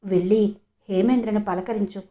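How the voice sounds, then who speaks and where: A woman's voice: medium pitch, steady tone, normal speed, dark tone, close to an everyday voice. A woman voicing a middle-aged village mother who speaks in a sorrowful, beseeching way in an audiobook. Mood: pleading.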